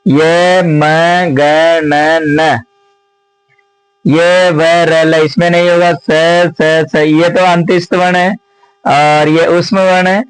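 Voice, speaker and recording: A man teaching Sanskrit grammar and working through exam questions, explaining slowly, repeating himself and asking his students many rhetorical questions. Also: on the high side, level tone, clean tone, no room sound, rough recording. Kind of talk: exam question walkthrough lesson.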